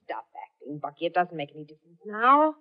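A woman's voice: fairly low pitch, big pitch swings, fast talker. An actress playing a hunted, desperate woman who narrates her own story in a 1940s radio drama, heard through an old AM radio broadcast. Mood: frightened. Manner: tense first-person storytelling. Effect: old AM radio broadcast sound. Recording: muffled 1940s AM radio broadcast with faint music.

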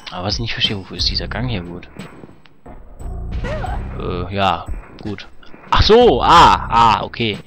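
A man's voice: fairly low pitch, big pitch swings, unhurried, pauses often. Muttering man narrating a game. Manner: chatty, swears and mutters at the game. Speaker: let's play gamer. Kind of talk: casual game commentary. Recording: game music behind. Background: game music.

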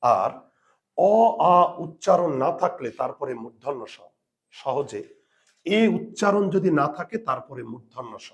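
A man's voice: medium pitch, expressive, measured pace. A male teacher giving a spelling lesson to students, patiently repeating each rule and working through examples. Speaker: Bengali grammar teacher.

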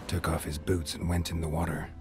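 A man's voice: little pitch movement, over music. An actor playing a stoic, middle-aged male monster hunter in a video game, speaking tersely and dryly. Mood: focused. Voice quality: deep gravelly. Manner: terse, dry, unhurried. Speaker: witcher protagonist.

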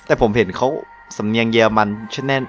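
A young man from Thailand giving casual live commentary over his gameplay, excitable and loose, swearing and exclaiming at the action. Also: medium pitch, fast talker, faint music behind. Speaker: gaming channel host.

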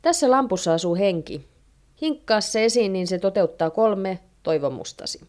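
A woman's voice: mid-range voice, expressive, a little mellow, natural voice. A woman voicing a chatty, tipsy neighbor woman who exclaims and chatters in a storybook reading. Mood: exclaiming.

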